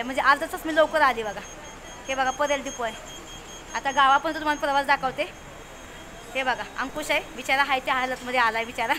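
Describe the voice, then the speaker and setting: In this casual travel vlog, a woman with a high, sharp voice talks to her viewers and the friend behind the camera on her way by car to a bus depot. Traffic and street noise fill the rough phone recording from the car and depot.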